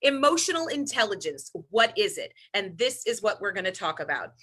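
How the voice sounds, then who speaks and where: A woman from New York leads a virtual keynote over a video call, playful and full of energy. Her voice is bright and forceful, and she jokes and rhymes her way into her topic. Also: mid-range voice, brisk, husky. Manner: emotional, shaky voice at first, then lively and playful with rhymes. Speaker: keynote speaker.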